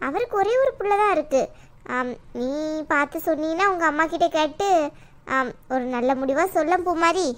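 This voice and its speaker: A woman voicing a chatty, pushy middle-aged auntie who insists on arranging a match in an animated story. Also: high voice, normal speed. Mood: coaxing. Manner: coaxing, insistent, talks at length. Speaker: married neighbour acting as matchmaker. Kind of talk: cartoon voice acting.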